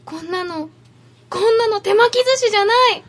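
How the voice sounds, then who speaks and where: Brief: blunt, fed-up young woman at a party, voiced by a woman, very high and bright, in a radio skit. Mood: indignant. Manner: blunt, quick retorts. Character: exasperated young woman hosting a sushi party. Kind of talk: comic radio skit reading.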